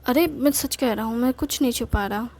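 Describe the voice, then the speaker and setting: A woman's voice: fairly high pitch, a little fast, a little mellow, slightly rough. A woman playing a sheepish, stumbling older husband. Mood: coaxing. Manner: hesitant, stumbling with fillers. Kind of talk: storytelling with acted dialogue.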